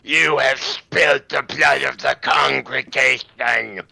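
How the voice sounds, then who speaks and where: A man voicing an enraged old mutant cultist in a creaking voice, shouting slow, drawn-out condemnations for a tabletop-style game. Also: medium pitch, steady tone, no echo, pitched above the performer's own voice, heavily acted. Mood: outraged, fanatical. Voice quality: creaking, spitting voice.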